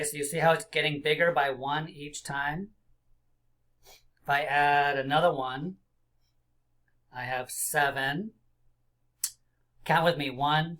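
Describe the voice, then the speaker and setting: A man in his forties teaching young children like a kids show host, encouraging them with simple questions and pauses. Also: a little high, fairly bright tone. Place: small indoor room.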